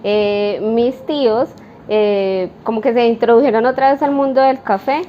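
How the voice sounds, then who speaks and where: A Colombian woman who roasts coffee answers interview questions explanatorily, using fillers and tag questions. Her voice is slightly high, steady in tone, and a bit slow, on a dull lo-fi recording with light noise.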